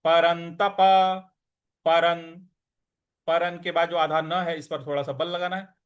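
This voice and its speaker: High-voiced man teaching careful recitation. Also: little pitch movement, smooth, dull audio. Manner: slow, syllable-by-syllable demonstrations with brisker explanations between; chants verses in a melodic intoned way. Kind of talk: recitation lesson.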